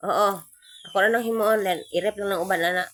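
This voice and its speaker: A woman with a Visayan Filipino accent who has just woken up, chatting casually in a home vlog, groggy, hoarse and congested from a cold. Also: mid-range voice, fairly even intonation, brisk, a bit bright. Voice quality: stuffy nasal, congested. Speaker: vlogger. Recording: noisy home recording. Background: noisy chickens.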